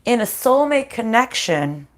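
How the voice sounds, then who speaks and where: A woman with a groggy, slightly hoarse voice recovering from a sinus infection, giving a casual spiritual card reading and thinking aloud in a halting, conversational way. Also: fairly high pitch, sing-song. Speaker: spiritual card reader hosting a live reading.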